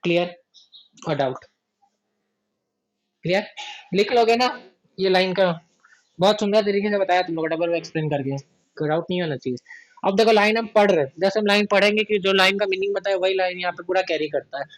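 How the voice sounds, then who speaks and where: Man, teacher, high-pitched, chatty, literature lesson, checks for doubts. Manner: chatty, keeps asking students about doubts; reads verse very slowly.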